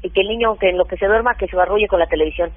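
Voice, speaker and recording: A woman's voice: mid-range voice, racing, no echo. A woman who is a parenting expert gives practical advice in a radio interview and explains things step by step with examples. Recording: phone-like narrow band, dry.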